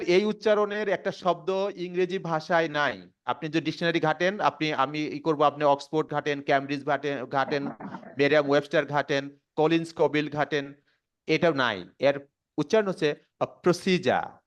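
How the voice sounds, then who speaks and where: A man with a Bangladeshi accent teaching English pronunciation to a class, repeating words slowly and quizzing the students. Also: on the high side, steady tone, clean tone. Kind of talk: classroom lesson. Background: students responding.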